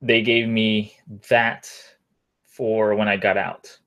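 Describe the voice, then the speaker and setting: A man's voice: lowish voice, little pitch movement, slow pace, fairly bright tone, clear, resonant tone. A young man chatting casually on a livestream in a rambling, hesitant way, often trailing off. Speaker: live streamer, former Marine.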